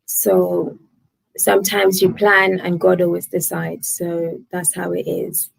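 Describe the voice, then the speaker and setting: Chatty woman with a gravelly voice. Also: on the low side, monotone, slow, no room sound, poor audio. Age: 20s. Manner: chatty, laughs often, thanks viewers by name. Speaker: livestream host. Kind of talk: casual live chat reading viewer comments.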